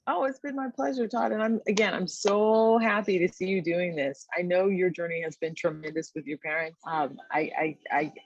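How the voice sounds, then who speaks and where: A woman's voice: on the low side, normal speed, hardly any pauses, no room sound. Woman, podcast guest, thoughtful, checks in with tag questions, muffled lo-fi sound. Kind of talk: podcast conversation.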